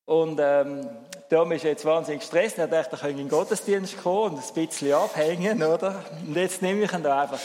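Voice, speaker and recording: A Swiss man with a Swiss German accent, giving a sermon at a church service and chatting with the congregation, now emphatic, now quiet. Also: on the high side, fairly quick, few pauses, slight background noise. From Switzerland. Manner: lively, swings between emphatic and soft. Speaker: preacher. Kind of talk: sermon with audience interaction. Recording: long hall reverb.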